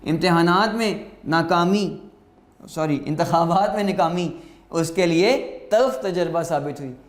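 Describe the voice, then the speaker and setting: Guy teaching english words, high voice, slow dictation, echoey room. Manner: slow, deliberate, repeats words for students to note down. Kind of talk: vocabulary lesson, dictating word meanings.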